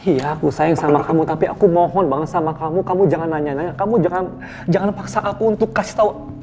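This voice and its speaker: Man playing young boyfriend, TV soap, evasive, pleading, irritable, fast talking, mellow voice. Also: a little high, slight background noise, close to an everyday voice. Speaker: actor in a TV soap. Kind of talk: TV soap acting.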